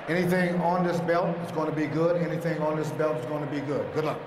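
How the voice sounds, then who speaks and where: A man refereeing a boxing match, giving brisk, commanding instructions. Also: fairly high pitch, fairly even intonation. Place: inside a boxing ring in a large arena. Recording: echoey, very noisy boxing arena.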